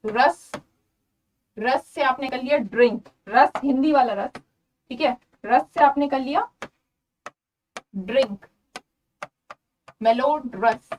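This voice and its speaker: A young Indian-accented woman gives an online exam-prep vocabulary lesson in a high, bright-toned voice. She repeats each word slowly and keeps checking that students follow. Her voice sits a little back from the mic. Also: distant mic, dull audio, a little hiss or hum. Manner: repeats words slowly and checks understanding with "clear?"; mixes English words and sentences into Hindi explanation. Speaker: English vocabulary teacher.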